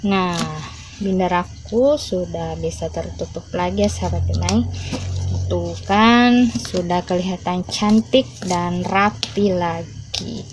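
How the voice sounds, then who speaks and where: A woman's voice: fairly low pitch, slow pace, background noise. A woman vlogging in a casual, chatty way, counting bills aloud and talking to her viewers, a little out of breath. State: a bit out of breath. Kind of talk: casual money-counting vlog.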